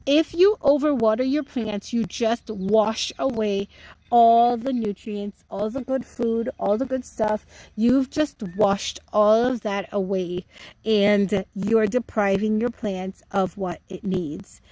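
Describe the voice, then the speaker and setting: A woman's voice: mid-range voice, slow pace, mellow, rough recording. A woman giving a casual, chatty live tour of her home vegetable garden outdoors, explaining things to viewers as she goes and speaking into a phone.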